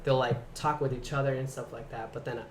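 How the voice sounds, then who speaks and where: Young bay area guy chatting as a podcast guest, thoughtful, trails off soft, roomy echoey sound. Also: medium pitch, steady tone, a little fast, a little hiss or hum. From San Francisco Bay Area. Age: young adult. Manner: reflective, trails off quietly at the ends of thoughts. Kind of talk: casual interview chat.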